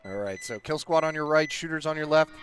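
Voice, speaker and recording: A man giving brisk play-by-play commentary at an outdoor paintball event, with easy laughs between calls. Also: fairly high pitch, expressive. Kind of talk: live sports commentary. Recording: outdoor mic with loud ambient noise.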